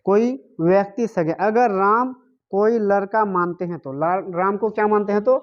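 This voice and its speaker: A man's voice: sits high, measured pace. A male teacher giving a grammar lesson, asking his class questions and answering them himself, repeating the key words. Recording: dull lo-fi recording.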